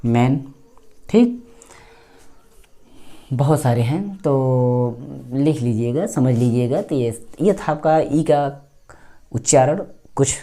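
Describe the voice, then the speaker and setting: A man's voice: mid-range voice, expressive, slow, dark tone. A man teaching English pronunciation in a chatty lesson, repeating words as drills. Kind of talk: casual classroom lesson.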